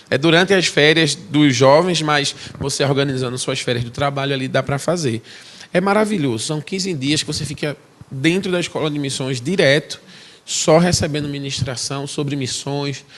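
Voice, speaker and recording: A man's voice: a little high, fairly bright tone. Chatty Pernambuco missionary man. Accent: Pernambuco Brazilian Portuguese. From Recife, Brazil. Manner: conversational, chatty asides to the congregation. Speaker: missionary giving testimony. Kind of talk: church testimony. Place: church.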